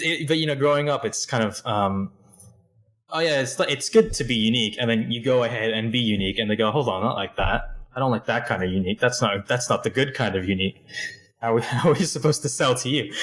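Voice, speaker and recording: A man's voice: medium pitch, a bit bright. A young man from Hong Kong, a guest in a casual interview, talking thoughtfully about himself with a self-deprecating humor and many restarts. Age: young adult.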